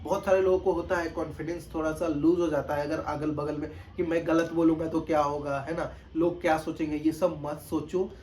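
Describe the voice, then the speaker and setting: Speaking straight into a camera mic, a test-prep tutor with a fairly high voice and little pitch movement gives a loose, casual tutorial, deliberately projecting louder than usual. He patiently keeps circling back to his points with small check-ins, over a faint hum of background noise.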